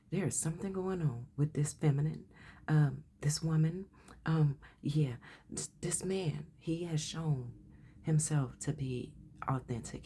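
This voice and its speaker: A woman giving a casual, chatty tarot reading. She calls the listener honey and often drops into soft whispers. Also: low voice, slightly rough. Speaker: tarot reader.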